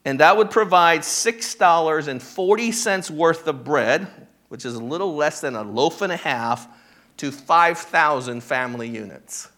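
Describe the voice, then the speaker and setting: A male pastor giving a sermon in a conversational way, often checking in with the congregation, and turning animated when he acts out the disciples. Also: fairly high pitch, a little slow. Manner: conversational, checks in with "right?" and "okay?".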